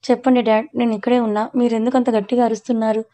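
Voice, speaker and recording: Storybook young husband, teasing and bossy, read by a woman; flat, mellow delivery. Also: fairly high pitch, very fast, close to an everyday voice. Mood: gentle.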